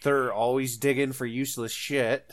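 A man's voice: mid-range voice, little pitch movement, normal speed. A man chatting casually about tabletop games, telling stories in a crude, offhand way.

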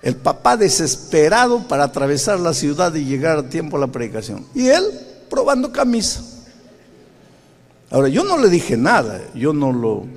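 A Peruvian pastor preaches as a vivid storyteller, moving between loud and hushed passages. His voice is gravelly and husky. Long reverb trails behind him in the church. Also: fairly high pitch, big pitch swings, brisk, hardly any pauses. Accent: Peruvian Spanish. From Peru. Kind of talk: sermon with storytelling.

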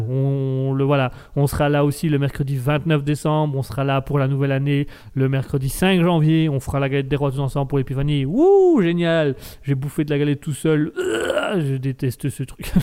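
A man's voice: a little high, warm tone, clear, resonant tone. Playful rambling male live-stream host. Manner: playful, rambling, self-mocking, laughs often. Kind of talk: casual live-stream chat.

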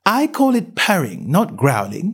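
A prim, curious little storybook girl, put on by a man with a raised, questioning voice. Her pitch leaps about brightly, earnest and proper. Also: huge pitch swings, measured pace, husky, exaggerated voice.

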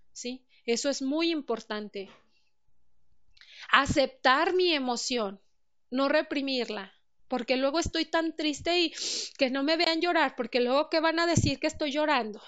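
A woman's voice: high voice, a bit bright, smooth, muffled recording. A woman with a Mexican accent giving an earnest motivational talk, asking the listener direct questions. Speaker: speaker on emotional wellbeing.

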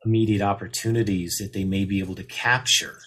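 A low-voiced man with a husky edge speaks as a guest on a radio interview. He explains ideas in a measured way, drawing out the key terms. The delivery is steady and patient. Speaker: guest expert on leadership.

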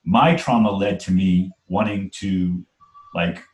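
In a very low, slightly mellow voice, a Trinidadian man in his forties slowly and earnestly tells his story as an interview guest. He leans into his points and keeps checking in with "right?", while the room adds a clear echo.

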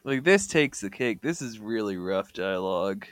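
A man's voice: fairly low pitch, very animated, normal speed, a bit bright, dry recording. A man co-hosting a casual comic book club podcast, joking and enthusiastic about the panels. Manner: joking, enthusiastic, looks facts up mid-chat. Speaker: podcast co-host.

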